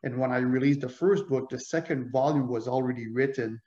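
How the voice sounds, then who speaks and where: A man's voice: mid-range voice, steady tone, brisk, mellow. A man with a French Canadian accent, a native French speaker, talking in a casual interview with many hesitations. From Quebec, Canada. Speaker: guest. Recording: roomy, dull lo-fi remote audio.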